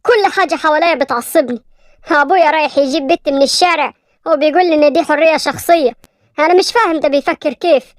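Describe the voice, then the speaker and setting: A woman's voice: high-pitched, fast talker, no room sound, clean studio sound, lightly acted. A woman voicing a hot-tempered rich young man of twenty-five with an Egyptian accent, snapping and scornful. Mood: angry. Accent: Egyptian Arabic.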